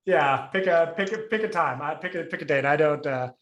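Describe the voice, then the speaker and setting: On a video call, a male instructor from Puerto Rico reviews a live coding lesson, thinking out loud with restarts and filler words. His voice is slightly high, slightly quick, and somewhat bright, and the audio is reverberant and dull.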